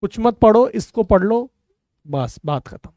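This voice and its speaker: A man's voice: sits high, lively intonation, measured pace, warm tone, no room sound. A man teaching a physics class online, calling students "beta" and explaining step by step in a conversational way.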